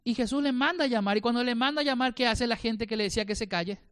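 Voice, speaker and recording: A man's voice: extremely high pitch, quick pace, a bit bright, smooth. A male pastor, preaching a sermon with rhetorical questions and acted-out voices.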